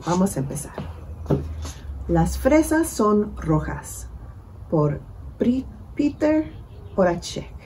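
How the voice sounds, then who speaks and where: Slow, mellow-voiced woman leading storytime. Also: medium pitch, a little hiss or hum, low-quality recording. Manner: slow, drawn-out syllable counting for children; switches between English and Spanish. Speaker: children's librarian. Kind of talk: bilingual storytime reading. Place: library.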